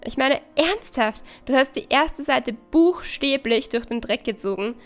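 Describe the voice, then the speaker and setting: A woman's voice: high voice, lively intonation, unhurried, faint music behind, voice pushed up. A woman voicing a playful, frank young stranger in a read-aloud story. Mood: teasing. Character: teasing, easygoing young stranger by a lake.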